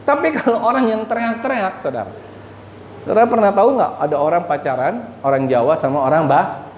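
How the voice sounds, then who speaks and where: A man's voice: sits high, lively intonation, brisk. A man preaching a sermon as pastor, joking and putting questions to the congregation. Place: church hall. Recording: echoey church hall, faint room noise.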